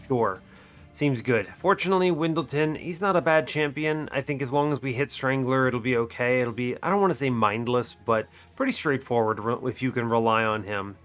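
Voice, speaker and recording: A man's voice: medium pitch, fairly even intonation, normal speed, a bit bright, soft background music. A young man hosting a gaming channel, talking through a card game while sick, his voice muted and a bit nasal, rambling and correcting himself as he goes. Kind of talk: game commentary. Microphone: desk microphone.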